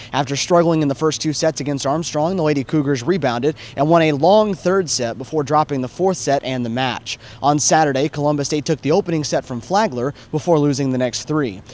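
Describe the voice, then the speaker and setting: A man hosting a college sports show, reading scripted sports news and asking interview questions in a brisk, upbeat announcer manner. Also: a little high, darkish tone.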